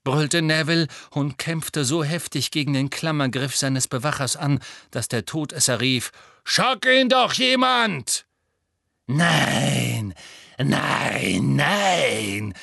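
A man narrating an audiobook with an expressive, dramatic reading. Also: medium pitch, dry recording, studio quality. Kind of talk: scripted narration.

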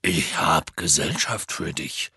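A man voicing a huge, clumsy half-giant man who calls out loudly and strains his voice to coax and scold, in an audiobook. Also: rumbling low, takes it slowly, breathy edge, dry recording, clean studio sound, pitched below the performer's own voice, heavily acted. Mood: calling, coaxing. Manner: loud, strained calling out, pleading and scolding.

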